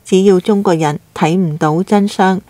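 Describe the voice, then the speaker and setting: A woman narrating a scripted news commentary in a steady, even reading delivery. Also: fairly low pitch, moderate pace, dry recording.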